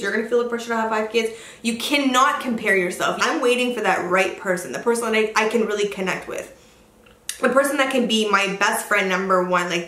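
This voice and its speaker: A young woman chatting while doing her makeup, earnest and gushing, slipping into quiet asides to herself. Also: medium pitch, roomy sound. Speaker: beauty vlogger. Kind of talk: chatty get-ready-with-me makeup tutorial. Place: bright room, seated on a sofa indoors.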